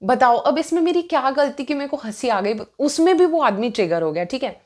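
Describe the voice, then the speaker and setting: A young woman in her twenties, sitting down to tell a personal story in a loose, chatty way. Her voice sits a little high, and she jumps between Hindi and English mid-sentence, sounding lively and indignant as she goes. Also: fairly quick. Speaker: vlogger telling a personal story. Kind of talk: casual storytime narration.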